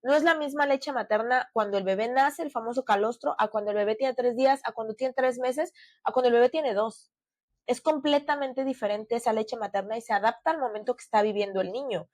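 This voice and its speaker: A woman's voice: on the high side, a little fast, dry recording. A woman, co-hosting a podcast and telling her story in an earnest, chatty way with many fillers. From Mexico. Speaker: podcast co-host. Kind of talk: casual podcast chat.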